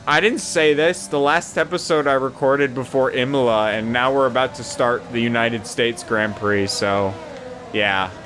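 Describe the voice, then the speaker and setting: A young man casually commentating his own racing game session, swearing often and rambling between excited yelps. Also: medium pitch, a little slow, soft background music. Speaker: gaming YouTuber.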